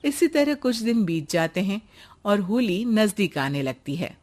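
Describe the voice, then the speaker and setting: A woman's voice: mid-range voice, sing-song, unhurried, a little mellow. A woman narrating a scripted cartoon folk tale in a storyteller's style. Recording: music bed under the voice. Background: music.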